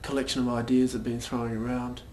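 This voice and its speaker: Speaking fast in a warm, level, medium-pitched voice close to his everyday one, this young adult man plays a smug, pompous band frontman. It's a mockumentary interview, and he's hesitant and vain, stuffing his lines with fillers. Echo and faint noise fill the recording.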